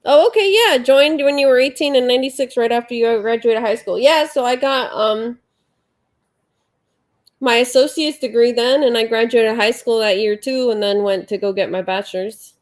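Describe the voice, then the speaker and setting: A woman in her forties with a slightly high voice speaks at a moderate pace during a laid-back home livestream. She's congested and sniffles as she reads comments from viewers, rambling and chatty, with filler words cropping up often.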